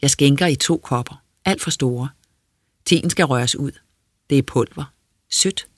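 A quiet, measured audiobook narrator reading first-person prose in an introspective tone. The voice is somewhat husky, close and dry, with a middle pitch. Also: no room sound.

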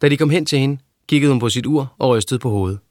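A man narrating a novel in a steady, even reading voice. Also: mid-range voice, no echo, clean studio sound. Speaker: audiobook narrator. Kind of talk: scripted narration.

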